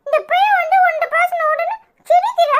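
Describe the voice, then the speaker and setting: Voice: very high voice, moderate pace, background noise. A performer voicing a mischievous, teasing young grandson in a cartoon, speaking with a Tirunelveli Tamil accent. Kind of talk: cartoon voice acting.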